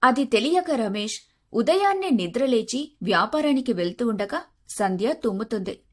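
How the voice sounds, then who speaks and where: A woman narrating an animated moral story in a steady, plain storytelling manner. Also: on the high side, moderate pace.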